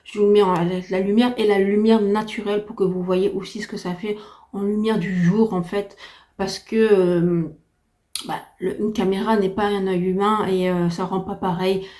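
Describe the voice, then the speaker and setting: A beauty vlogger, speaking at normal speed with a warm, level, mid-range voice, casually reviews a product to camera. She's enthusiastic and chatty with repeated emphasis, even as her shaky voice gives out after a heavy cold.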